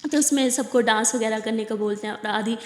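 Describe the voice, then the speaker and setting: A woman's voice: a little high, steady tone, darkish tone. A woman telling a love story in a casual, chatty way, with jokey asides. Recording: echoey reverberant room.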